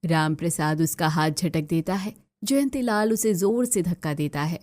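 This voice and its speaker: A woman narrating a cartoon story in an even storytelling manner. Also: on the low side, normal speed. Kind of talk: scripted narration.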